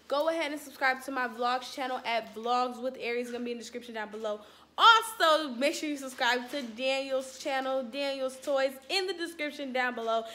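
A young woman vlogger chatting loudly and playfully while cooking in a home kitchen, teasing her mom. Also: high-pitched. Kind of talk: casual cooking vlog chat. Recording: noisy kitchen with frying sizzle.

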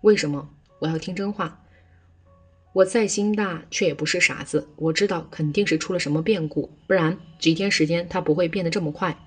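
一个女人为一位夹在妻子和母亲之间、无奈的年轻丈夫配音，语气平直。. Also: female voice, on the low side, brisk, husky, soft background music. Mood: helpless. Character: worried young husband torn between wife and mother.

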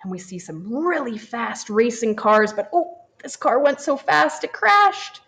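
Reading a children's picture book aloud, a woman takes her time like a teacher with a class, her pitch swooping up and down expressively to hold young listeners' attention. She stays warm and gentle, animated yet slow, with some vocal fry. The camera looks down on the book as her hands turn the pages.

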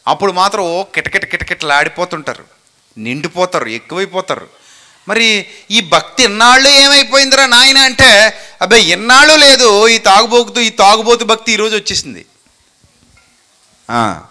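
A man preaching a sermon, scolding his listeners with sharp rhetorical questions and mimicking the people he mocks. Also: on the high side, clean tone. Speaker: pastor.

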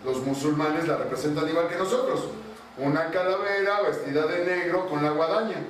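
A priest telling a parable in a colloquial sermon to a group, often asking the listeners. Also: male voice, fairly high pitch, moderate pace. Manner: storytelling, colloquial, asks the audience. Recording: echoey room, far from mic, faint noise.

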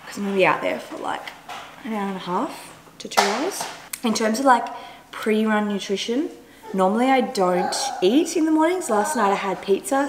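A young woman chatting casually to a camera a little way off in her home kitchen, as a running vlogger. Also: mid-range voice. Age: young adult. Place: indoors, bright home kitchen. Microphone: camera a couple of metres away. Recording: roomy echo, clear background noise.

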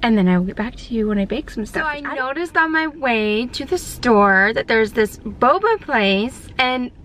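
A woman's voice: a little high, normal speed. Chatty woman vlogging on the go. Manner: chatty and lively, rambling with fillers. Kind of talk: casual vlog chat to camera. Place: outdoors and in her car on a hot day.

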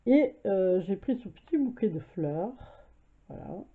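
A French craft vlogger with a cold coughs her way through a casual haul video, showing off her craft purchases. Her medium-pitched voice is expressive, slightly rough and measured, and her chatty talk is hesitant and full of fillers. It's recorded on a camera mic at home with a tinny, phone-like sound.

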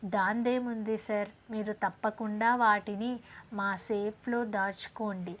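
A woman reading the lines of a calm, reassuring male ship captain in a storybook tale. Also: sits high, slow pace.

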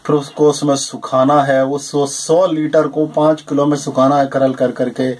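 A man in his forties animatedly explaining a herbal home remedy to viewers, with frequent emphatic affirmations, recorded at desk distance in a small room. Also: fairly high pitch. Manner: animated and emphatic, with repeated "jī hāṃ" and "ṭhīk hai". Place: small indoor room lined with shelves of medicine bottles.

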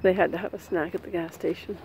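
On a neighborhood walk, a middle-aged woman films a casual family vlog on a handheld phone, talking fast in a low, slightly mellow voice with fairly even intonation. She's chatty, laughs often, and calls out to the kids; the low-quality recording carries slight background noise.

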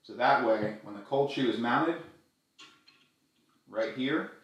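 A middle-aged man hosting a gear tutorial, walking through each step in a friendly, clear way. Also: mid-range voice, slow, fairly bright tone, dull audio. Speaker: video tutorial host. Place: small room indoors, echoey. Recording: very echoey room.

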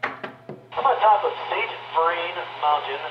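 A man comes through over a handheld two-way radio from a mountain summit, his voice a touch higher than most. He runs through radio procedure and spells call signs in the phonetic alphabet. The audio is muffled and roomy, with steady static hiss. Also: slow pace. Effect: heard over a handheld two-way radio. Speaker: ham radio operator on a summit activation. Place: outdoors on a high mountain summit. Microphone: handheld radio transceiver.

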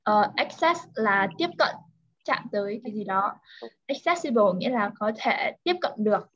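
A woman tutoring a pupil one-on-one in English vocabulary, saying each word slowly and carefully for the pupil to repeat. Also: medium pitch, lively intonation, fairly bright tone, lo-fi sound. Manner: slow, careful word-by-word pronunciation modeling.

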